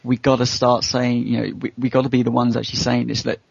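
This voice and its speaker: A man with a mid-range, creaky, slightly rough voice talks quickly with little pitch movement, rambling through his opinions as host of a casual gaming podcast panel. The audio is dull and lo-fi, with no room sound.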